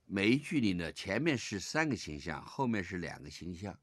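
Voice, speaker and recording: A man teaching a poetry reading lesson. He tells the story behind the poem, recites lines slowly and expressively, and leads listeners in reading along. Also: sits low, dry recording. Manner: expressive, drawn-out recitation of verse; guides listeners to read along.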